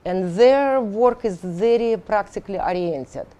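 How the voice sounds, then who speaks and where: With a mellow, medium-pitched voice and a Russian accent, a middle-aged woman from Russia who instructs in engineering stumbles through interview questions. She uses many fillers and keeps restarting.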